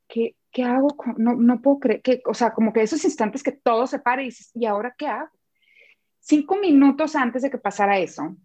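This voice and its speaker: A woman's voice: medium pitch, dry recording. A woman telling a dramatic personal story as a guest, acting out what people said and often repeating words. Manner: animated, re-enacts dialogue, repeats words. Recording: muffled lo-fi sound.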